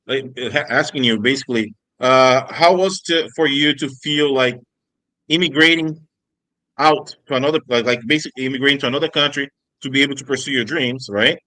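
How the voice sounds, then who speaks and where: A man from Brazil, a native Portuguese speaker, hosting an interview and translating questions, halting and full of fillers. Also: medium pitch, bright, forceful tone, no room sound. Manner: halting, many fillers and restarts.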